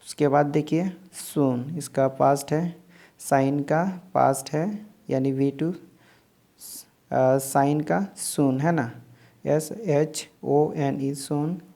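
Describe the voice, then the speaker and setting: A woman's voice: deep voice, steady tone, slow pace, mellow. A woman teaching English verb forms, spelling out each word letter by letter and repeating it. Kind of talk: slow spelling-out lesson.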